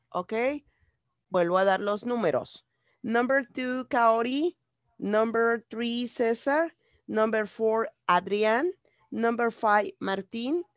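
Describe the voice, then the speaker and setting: A woman's voice: on the high side, dry recording, studio quality. A woman teaching English to young children in an online class, patiently repeating each phrase in Spanish. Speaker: primary school English teacher.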